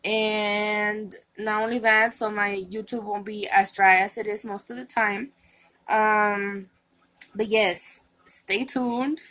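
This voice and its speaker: A woman's voice: mid-range voice, level tone, takes it slowly, fairly bright tone, poor audio. A woman vlogging to her viewers, chatting in a rambling way with many fillers and restarts, and sounding tired. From California. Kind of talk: casual vlog chat.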